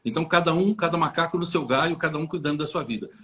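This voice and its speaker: A man's voice: a little high, very fast, sharp tone. A man with a Brazilian Portuguese accent, co-hosting a casual chat and giving parenting tips in a blunt, firm, forthright way.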